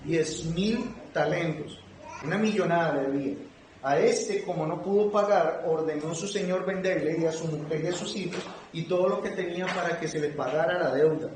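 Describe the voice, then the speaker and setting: A man's voice: fairly high pitch, moderate pace, darkish tone. A man from Costa Rica leading a church Bible study, reading scripture aloud and quizzing his group with questions. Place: church meeting room. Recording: echoey room, far from the mic, noisy.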